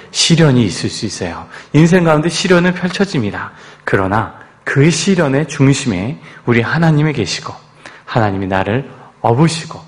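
A man's voice: high voice, a bit bright. A man preaching as a pastor and then leading a fervent prayer, calling out "God" and "Father" between phrases. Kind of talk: sermon then led prayer.

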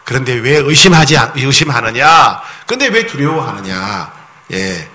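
A man preaching a sermon as pastor. He keeps asking the congregation questions, reads scripture slowly and solemnly, and acts out the voices in the story. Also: mid-range voice. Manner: animated, often asks the congregation questions; slow, solemn scripture reading.

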